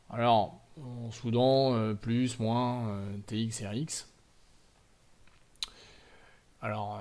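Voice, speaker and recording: A man walks viewers through a drone tutorial in a casual, chatty way. He restarts often and fills pauses while he explains, and now and then slips in a joking aside. His voice sits at an ordinary middle pitch for a man. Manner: chatty, many fillers and self-corrections. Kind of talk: casual screen-recorded tutorial. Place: indoors at home.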